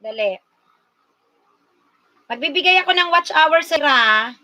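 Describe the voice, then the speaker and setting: A woman from Bicol in the Philippines hosting a casual livestream, slowly coaxing her viewers and talking to them directly. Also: high-pitched, animated, bright, forceful tone. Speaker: livestream host.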